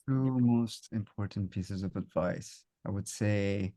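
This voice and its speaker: A man's voice: fairly low pitch, warm tone. Earnest man reflecting on fatherhood. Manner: earnest, halting with restarts. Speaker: guest. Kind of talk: reflective podcast conversation.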